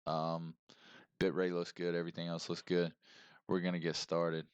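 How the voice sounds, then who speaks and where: A man's voice: low-pitched, completely flat delivery, moderate pace, clear, resonant tone, no echo. A man in his thirties on a livestream, chatting casually with viewers in a rambling way and greeting them by name, heard through his streaming headset mic. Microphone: close streaming mic.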